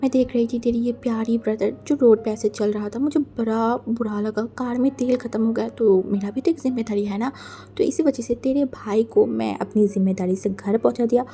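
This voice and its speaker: एक महिला द्वारा बोली गई शेखी बघारती हुई बड़ी महिला. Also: female voice, on the high side, fairly even intonation, normal speed, dark tone, natural voice. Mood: smug. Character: boastful older woman, playful and smug.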